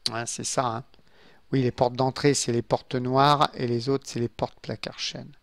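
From a home room with a glass desk, a gaming YouTuber speaks at a measured pace in a gravelly, medium-pitched voice with flat delivery. He offers casual let's-play commentary on his computer, chatting and muttering asides as he builds, with no room sound audible.

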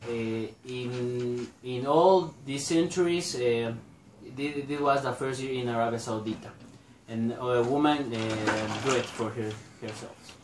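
A young man gives a class presentation in English, halting with many filler sounds and restarts, recorded on a laptop mic in a small room. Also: medium pitch, noisy background. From Bolivia. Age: young adult. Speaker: student presenter. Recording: echoey room, a bit distant.

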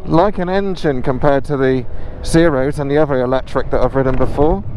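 A man's voice: mid-range voice, a little fast, darkish tone. An enthusiastic British man giving casual motorcycle vlog commentary, speaking from inside a helmet as he rides. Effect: voice muffled inside a motorcycle helmet. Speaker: motorcycle vlogger. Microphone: helmet microphone. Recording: clear wind and vehicle noise.

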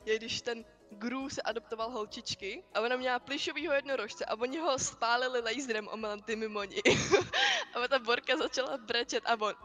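A woman on a casual video call, chatty and giggly as she tells stories. Her voice is bright and sharp-edged. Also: on the high side, expressive, soft background music. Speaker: guest.

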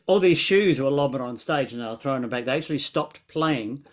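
A man's voice: mid-range voice, animated, fairly quick. A middle-aged Australian man hosts from a room at home over a video call, his voice sitting in a mid range. He tells stories in an easy, friendly way and keeps the talk going with frequent "yeah"s. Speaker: interview host. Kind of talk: casual interview chat.

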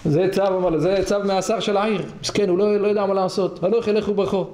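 High-voiced rabbi telling a lively parable. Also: male voice. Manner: lively storytelling, rhetorical questions. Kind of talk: weekly Torah lesson sermon. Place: study hall. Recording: echoey hall, faint noise.

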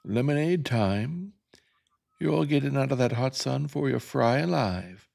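A man voicing a brisk, motherly woman housekeeper calling out in a storybook reading. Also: mid-range voice, animated, gravelly, a little mellow, pitched above the performer's own voice, exaggerated voice.

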